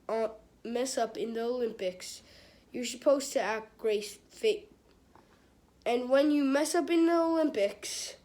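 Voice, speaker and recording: Slow, halting woman reading aloud. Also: on the high side, a little mellow. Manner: halting, with many restarts and repeated phrases; chatty asides to a live chat audience. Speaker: read-aloud host. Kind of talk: reading a children's book aloud with chat asides.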